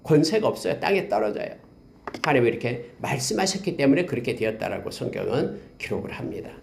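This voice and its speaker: Gravelly, animated Korean pastor preaching. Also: male voice, mid-range voice, fast talker, echoey room, a little hiss or hum. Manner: lively, emphatic preaching that rises for scripture readings. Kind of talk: Bible teaching sermon. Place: church sanctuary.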